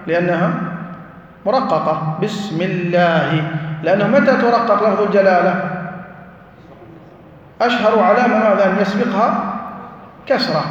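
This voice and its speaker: A man teaching a grammar lesson to a class. He keeps putting questions to his students and then answers them himself. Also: high voice. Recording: distant, echoey, dull hall recording.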